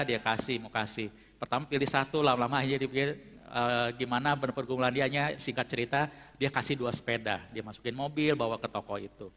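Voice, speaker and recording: A man's voice: medium pitch, a bit bright. A man preaching a sermon, telling a story in a casual, conversational way, often calling the listeners "brothers and sisters" and acting out what the characters say. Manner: conversational, addresses congregation as "saudara", acts out quoted voices. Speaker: pastor. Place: church. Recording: long reverb of a church hall.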